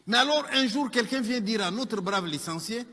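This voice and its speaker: A man telling a joke as a lively story, with asides to his listeners. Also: extremely high pitch, moderate pace. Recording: long hall reverb, faint music.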